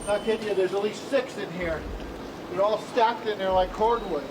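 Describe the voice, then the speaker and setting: A man's voice: high voice, moderate pace. A man giving casual, spontaneous field commentary, emphatic and repeating himself. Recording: noisy outdoor recording, water and boat ambience.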